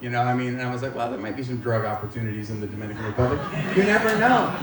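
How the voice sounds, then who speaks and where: A mid-range, animated male voice races along as a Maine man in his forties gives his personal testimony as a church guest speaker. He is informal, joking and self-deprecating before the live audience. The large indoor room echoes, the mic sits far off, and faint noise is audible.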